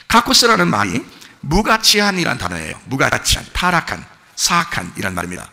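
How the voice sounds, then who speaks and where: A man preaching a fervent sermon as a pastor, swinging from shouted declarations to hushed asides in a church sanctuary. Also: a little high, big pitch swings, quick pace, gravelly, long reverb tail.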